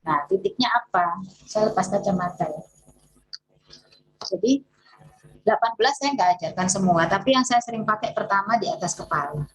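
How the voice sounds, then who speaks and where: A woman therapist talking casually and explaining self-healing techniques step by step as she demonstrates them, with lively rises in pitch and a friendly, chatty manner. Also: normal speed, long pauses, husky, rough recording. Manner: warm, chatty teaching with hands-on demonstration; lively pitch swings and occasional laughs.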